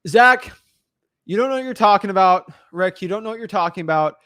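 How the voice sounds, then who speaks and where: Smooth and dry, the recording captures an energetic young man chatting casually as a podcast host. He speaks quickly in a high, bright, animated voice, miked closely with no room sound around him.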